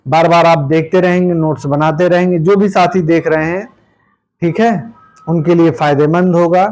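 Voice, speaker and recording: A man teaching a Hindi grammar lesson for exam preparation, repeating each word slowly and checking in with "okay" after nearly every line. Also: fairly high pitch, fairly even intonation, a little mellow, poor audio. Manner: repeats words slowly, tags lines with "ठीक है"; plain, patient explaining with everyday examples.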